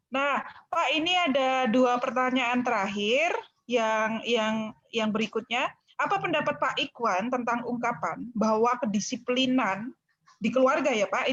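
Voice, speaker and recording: Woman moderator, polite, relaxed, slightly high voice, dull lo-fi sound. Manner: polite, relaxed, adds "Pak". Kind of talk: webinar moderating.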